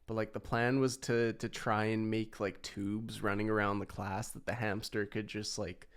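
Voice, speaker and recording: Young male podcast host, low and creaky, easygoing, chatty, quick to laugh. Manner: relaxed, chatty, laughs often. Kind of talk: casual chat.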